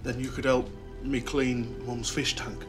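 An actor playing a gentle, childlike older brother who speaks slowly and simply. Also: male voice, medium pitch, little pitch movement, music in the background, lightly acted.

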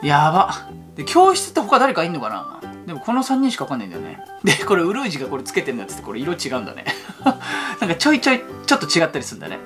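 A man hosting a fan channel, giving excited reaction commentary and talking in an excitable, rapid-fire way. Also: fairly high pitch, music in the background. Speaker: YouTube fan channel host.

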